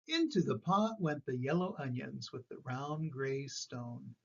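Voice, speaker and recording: An older man with a grandpa voice gives an expressive, animated read-aloud of a children's picture book on a slightly dull recording. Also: mid-range voice, unhurried, gravelly, husky. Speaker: storyteller reading a picture book.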